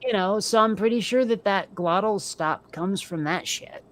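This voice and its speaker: This podcast co-host, a woman from Vermont with a slight New England accent, keeps the chat casual, full of "like" and tangents. Her pitch is medium and her speed normal.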